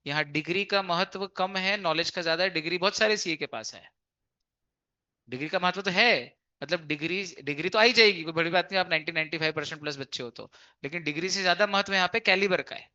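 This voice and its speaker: A male teacher lectures with a forceful, bright edge in a slightly high voice. He keeps asking his class rhetorical questions and slips English legal terms into his explanations. The recording sounds dull and lo-fi. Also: quick pace. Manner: emphatic, asks students rhetorical questions. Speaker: CA exam teacher.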